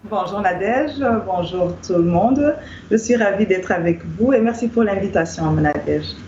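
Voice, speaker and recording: A woman's voice: medium pitch, lively intonation, normal speed, mellow. A woman from Rwanda, a guest in a casual discussion, speaking hesitantly with many fillers. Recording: echoey, muffled, faint background noise.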